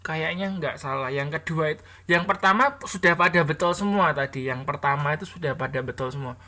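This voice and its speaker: A woman teaching an English class, chatty and quick to correct students, often stopping and restarting mid-sentence. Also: low voice, bright, forceful tone.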